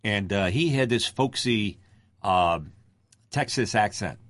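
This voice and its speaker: Middle-aged male radio announcer, low projected voice, casual storyteller. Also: slow, a bit bright, dry recording.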